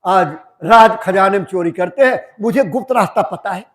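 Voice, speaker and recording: Sly king in disguise, hushed and scheming, man doing the voice, high voice. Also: moderate pace.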